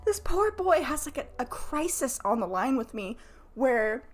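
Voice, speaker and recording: This Florida woman's voice is high-pitched and unhurried, with an American accent, as she recounts a candid personal story to her live stream chat. Her telling is animated and self-mocking, full of acted-out dialogue, profanity, slang, and lots of "like."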